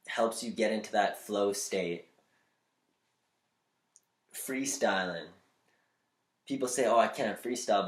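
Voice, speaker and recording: A man with a slightly nasal, lowish voice offers upbeat, spiritual advice on using your voice in a motivational talk to camera. He alternates quick bursts with slow, deliberate lines, and the sound is reverberant.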